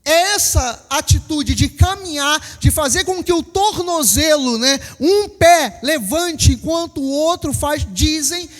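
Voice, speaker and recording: A man with a Brazilian Portuguese accent, a pastor preaching a sermon and telling lively stories to his congregation. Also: extremely high pitch, a little slow, hardly any pauses. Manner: storytelling, animated, acts out quotes, laughs with congregation. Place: church hall. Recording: long hall reverb.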